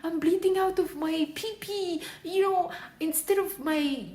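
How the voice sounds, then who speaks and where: Frantic, tearful young girl, pitched high and pleading, as a woman puts on her younger self, roomy echo. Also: unhurried, darkish tone. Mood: panicked. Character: her panicked tearful twelve-year-old self.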